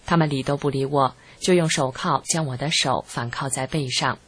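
A narrator with a slightly husky, breathy voice reads a first-person account in a steady, earnest, measured way. The pitch sits in a middling range. The recording is close and dry, with no room sound. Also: no echo. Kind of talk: scripted narration.

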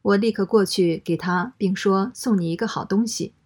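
A woman reading a first-person story aloud in a steady, matter-of-fact way. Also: mid-range voice, moderate pace.

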